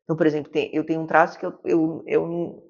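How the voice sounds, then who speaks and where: A woman in her fifties talks quickly in a fairly low voice as a psychiatrist guest. She tells stories with animation and acts out the lines she quotes. The recording sounds dull and lo-fi. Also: vocal fry. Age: 50s. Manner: lively storyteller who acts out quoted dialogue. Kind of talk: casual interview conversation. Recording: muffled lo-fi recording.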